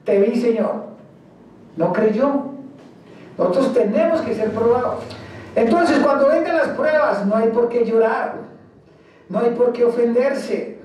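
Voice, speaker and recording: A man from Colombia preaches a fervent sermon as pastor, his voice set unusually high. The sound rings through a big reverberant church hall, picked up from well away from the microphone. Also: lively intonation, measured pace, long pauses, a little mellow. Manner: emphatic preaching, acts out quoted believers. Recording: very echoey church hall, mic far.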